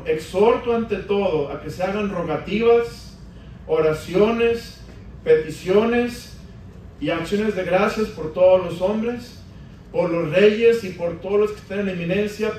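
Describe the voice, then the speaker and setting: A man preaching a sermon in a high, bright voice, pressing his points with emphatic rises. He sounds distant from the mic in a big, echoing church hall, with a faint hiss of room noise behind him. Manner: preaching with emphatic rises, addressing the congregation as brothers. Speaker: pastor. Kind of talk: Spanish-language sermon.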